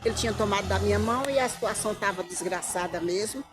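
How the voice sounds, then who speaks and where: A middle-aged woman, telling a personal story in a casual vlog. She talks in an animated way, repeats herself and acts out the lines others said to her. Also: mid-range voice, quick pace, over music.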